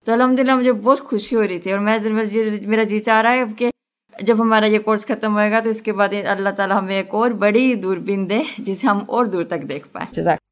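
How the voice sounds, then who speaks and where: A woman student speaking up in her class to share a personal reflection. She talks earnestly and explains her point through a homely everyday comparison. Her voice sits at a middle pitch. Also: fairly even intonation.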